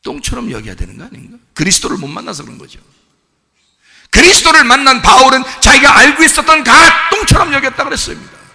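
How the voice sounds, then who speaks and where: Raspy high-voiced preacher in echoing hall. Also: male voice, big pitch swings, fast talker. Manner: impassioned, swings from hushed to shouting; rhetorical questions to the congregation. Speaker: pastor. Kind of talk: sermon. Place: church sanctuary. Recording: long hall reverb.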